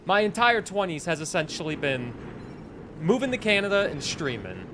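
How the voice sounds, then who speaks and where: Animated streamer man in his twenties. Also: a little high, normal speed, background noise. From New England, United States. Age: 20s. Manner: animated, chatty, reads and answers chat. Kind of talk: casual live-stream chat.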